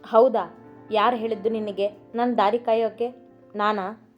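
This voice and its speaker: A curt, teasing young husband from a storybook, as a woman voices him. His replies are short and offhand, with a fairly high voice. Soft music plays under a dull recording. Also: steady tone, measured pace.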